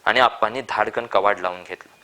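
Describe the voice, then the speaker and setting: A man reading a short story aloud in calm, measured narration. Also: on the low side.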